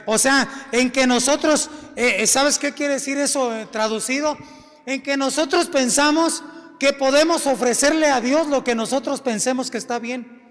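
A man's voice: very high voice, moderate pace, a bit bright. A man preaching a sermon, emphatic and repetitive, often calling his listeners brother. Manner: emphatic, repeats phrases, keeps addressing listeners as brother. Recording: long hall reverb.

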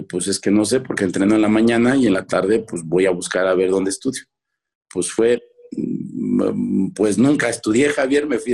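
A man's voice: fairly low pitch, a little mellow, breathy edge. A man with a Mexican accent, a former footballer, tells stories from his youth in a casual interview. He rambles with many restarts and acts out his parents' voices. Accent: Mexican Spanish.

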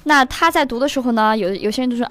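A woman teaching English through song lyrics, slowing down to repeat and spell out words. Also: on the high side, fairly bright tone, faint music behind.

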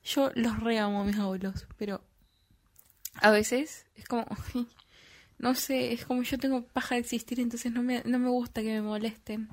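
A woman's voice: a little high, steady tone, moderate pace. Blunt, foul-mouthed young Argentine woman. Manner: blunt, swears freely, self-deprecating. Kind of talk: casual chat.

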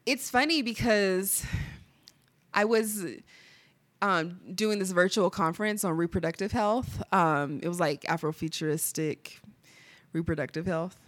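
Congested, lower-pitched young woman chatting candidly. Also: a little slow, dry recording. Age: young adult. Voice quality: congested, stuffy nose. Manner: candid, giggly, casual swearing. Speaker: podcast co-host. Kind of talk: casual personal chat.

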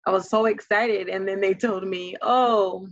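A middle-aged woman telling her child a tender, faith-filled story of motherhood, laughing softly between thoughts. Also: mid-range voice, little pitch movement, normal speed, no echo, muffled recording. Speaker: guest mother. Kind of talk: heartfelt personal storytelling.

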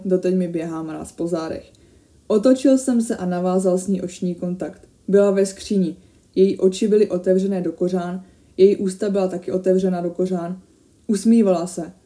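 A woman narrates a first-person horror story in a very dark, mellow voice. Her reading is steady and measured. It tightens with tension at the frightening moments, at a middling pitch.

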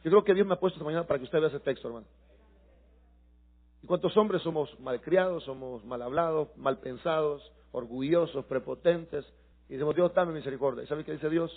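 A middle-aged male pastor, preaching a sermon that swings from quiet confiding talk to passionate shouting. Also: fairly high pitch, a little fast, breathy edge, narrow, tinny audio.

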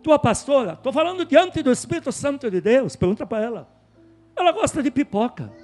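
Male pastor, high voice, emphatic sermon delivery, hushed asides then loud peaks. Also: very animated, brisk, faint music behind. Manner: emphatic, repeats key words, swings from hushed to loud.

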